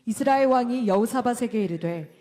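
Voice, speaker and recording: A woman reading scripture aloud during a church service, in a steady reciting voice. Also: fairly high pitch, fairly quick. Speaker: congregation member reading scripture. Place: church sanctuary.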